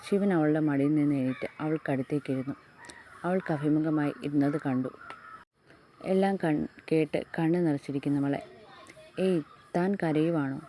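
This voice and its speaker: A woman narrating a romantic audio story in a calm, measured storytelling manner. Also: low voice, a little hiss or hum.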